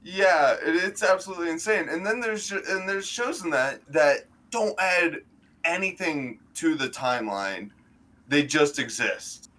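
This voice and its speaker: A man's voice: fairly high pitch, unhurried, bright, forceful tone. A young man chatting casually while gaming, laid-back and teasing as he argues his point. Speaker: co-host.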